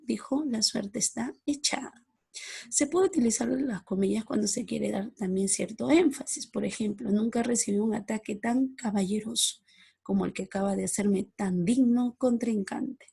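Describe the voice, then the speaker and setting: Woman, recorded slide lesson, mellow dark voice, gravelly edge, measured explanatory reading. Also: mid-range voice. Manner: reads examples aloud in a measured, explanatory way. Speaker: teacher.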